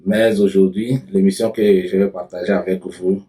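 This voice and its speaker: A man's voice: sits low, fairly even intonation, normal speed, warm tone, recorded from a distance. A man hosting and producing the show, introducing it in a formal announcer manner. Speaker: host and producer.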